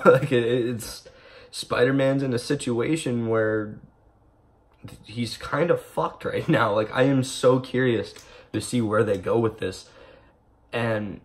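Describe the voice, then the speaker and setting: A young man with a mid-range voice rambles through a casual movie review on camera, full of excitement, frequent swearing and constant fillers.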